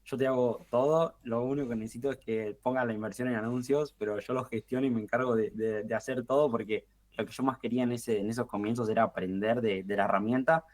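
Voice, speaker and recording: A man in his twenties with a Rioplatense Argentine accent, a podcast guest who talks through marketing ideas in a relaxed way, thinking aloud with fillers and restarts. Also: mid-range voice, fast talker, few pauses. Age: 20s. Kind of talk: podcast interview.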